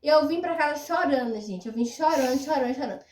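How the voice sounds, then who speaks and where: A young woman vlogger telling a personal story to her viewers in a casual, animated way, repeating words for emphasis. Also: high voice, fast, a little hiss or hum. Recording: roomy echo, mic at a distance.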